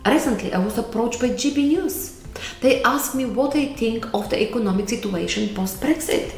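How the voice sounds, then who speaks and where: A woman's voice: mid-range voice, echoey room. A middle-aged woman from Bulgaria with a Bulgarian accent, giving earnest, emphatic motivational advice to camera and repeating key words. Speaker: vlogger giving life advice.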